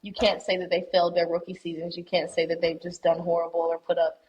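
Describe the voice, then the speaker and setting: Young woman guest, lower voice, dull audio. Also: monotone, quick pace, slight background noise. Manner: talkative, thinks out loud with repeats. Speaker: podcast guest. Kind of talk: casual chat.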